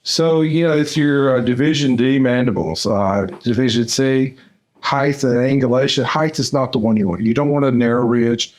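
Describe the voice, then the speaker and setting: An older man from Central Arkansas, a dental surgeon answering podcast interview questions in an unhurried way, with frequent "uh" fillers. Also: medium pitch, darkish tone. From Central Arkansas, USA. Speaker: dental surgeon and course mentor.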